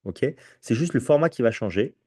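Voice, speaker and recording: A man with a French accent walks an audience through entrance exams in a relaxed, chatty tone, regularly checking that everyone is following. His voice is mellow and warm, recorded dry and up close. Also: medium pitch, fairly quick, slightly rough, no room sound. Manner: conversational, addresses audience with frequent "ok?" and restarts. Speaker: prep school teacher presenting exams. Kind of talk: live conference presentation.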